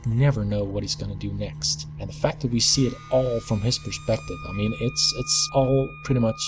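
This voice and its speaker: A man's voice: mid-range voice, huge pitch swings, normal speed, music in the background. A young man giving an enthusiastic, rambling movie review, stacking adjectives and repeating words for emphasis. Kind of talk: casual video review.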